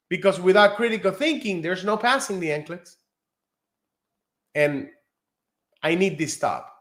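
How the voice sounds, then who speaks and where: Leading a live online class for the nursing exam, this man from Cuba stays earnest and supportive and slows his pace on the important words. He speaks in a high, slightly bright voice.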